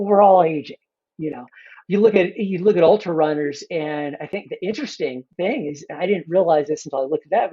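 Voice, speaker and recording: A man's voice: high-pitched, warm tone, breathy edge, muffled recording. A man in his fifties, a coach being interviewed, talking in a loose, rambling way full of restarts and "you know". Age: 50s. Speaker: guest coach. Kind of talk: casual interview talk.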